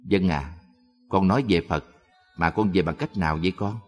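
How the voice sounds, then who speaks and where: A man voicing a kindly older uncle, a devout Buddhist who speaks in a gentle, encouraging way. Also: low-pitched, moderate pace, soft background music. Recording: long hall reverb.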